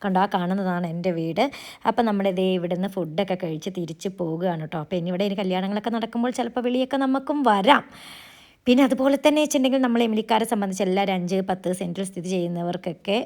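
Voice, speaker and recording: A woman's voice: medium pitch, quick pace, darkish tone. A young woman chatting casually as a vlogger, teasing and talkative. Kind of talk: casual vlog narration. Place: outdoors and at home. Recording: noisy outdoor phone recording.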